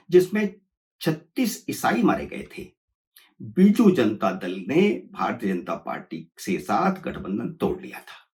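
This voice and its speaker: A man delivering a political analysis monologue, assertive and emphatic. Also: mid-range voice. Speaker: political commentator.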